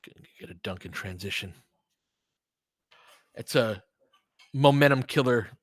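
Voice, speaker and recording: A man speaks a little slowly in a mid-range voice, recorded dry at studio quality. He hosts a sports stream as a podcaster and live play-by-play commentator, chatting casually with listeners and analyzing in a thoughtful, somewhat hesitant, conversational way.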